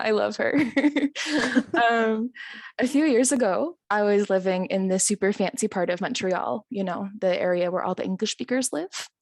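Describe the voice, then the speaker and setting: A woman performing stand-up, spinning a long anecdote in a chatty, self-amused way. She fills pauses with ums and chuckles at her own lines. Her voice sits at a middling pitch and sounds close and dry, with no room around it. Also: creaky, a little mellow, no echo. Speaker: stand-up comedian. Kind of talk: stand-up storytelling set.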